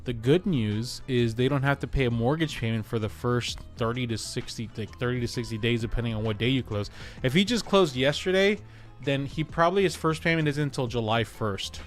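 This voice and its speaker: A man's voice: mid-range voice, expressive, brisk, soft background music. A man hosting a casual real estate livestream, joking and chatty as he reads viewer comments aloud.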